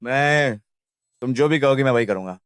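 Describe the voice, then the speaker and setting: A man's voice: mid-range voice, moderate pace, a bit bright, clear, resonant tone, no room sound, clean studio sound, natural voice. An actor dubbing a sleazy male thug who leers and then begs in panic. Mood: panicked. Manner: leering, then pleading in panic. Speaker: hired thug. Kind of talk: Hindi dub of a drama.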